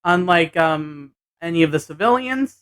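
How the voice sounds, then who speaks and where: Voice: mid-range voice, expressive, moderate pace, a bit bright, clean tone. A person giving a casual episode recap vlog, hesitantly thinking aloud as they go. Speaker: anime and tokusatsu episode reviewer.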